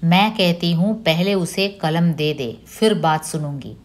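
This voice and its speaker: A woman's voice: lowish voice, measured pace, natural voice. A woman reading out the lines of an angry mother in a novel, stressing each word. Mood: scolding.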